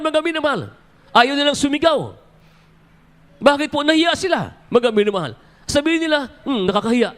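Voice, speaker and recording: High-voiced preacher man exhorting his congregation. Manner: exhorting, repeating "beloved" as a refrain, rising to emphatic peaks. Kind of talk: sermon. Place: church service.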